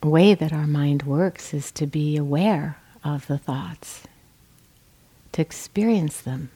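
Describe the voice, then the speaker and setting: A woman with a low, mellow, slightly breathy voice guides a meditation. She talks very slowly in gentle phrases broken by pauses, giving measured instruction like a teacher.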